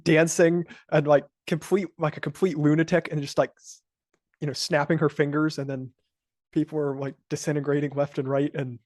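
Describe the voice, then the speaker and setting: Higher-voiced man on a dry mic. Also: moderate pace, no echo. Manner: animated, acts out quoted lines and laughs. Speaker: podcast co-host. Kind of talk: casual podcast discussion.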